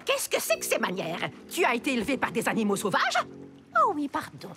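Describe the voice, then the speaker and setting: A woman voicing a warm, spirited grandmother in an animated series dub, expressive and affectionate. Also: on the high side, fairly quick. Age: older. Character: warm, spirited grandmother on her wedding day. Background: music.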